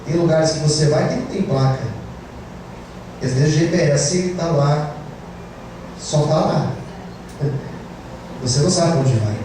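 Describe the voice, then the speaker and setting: In a church, a Brazilian pastor with a Brazilian Portuguese accent preaches a sermon, emphatically urging the congregation to say amen. His voice is on the high side and unhurried, with long pauses and a noisy background. The distant mic picks him up in a very echoey church hall.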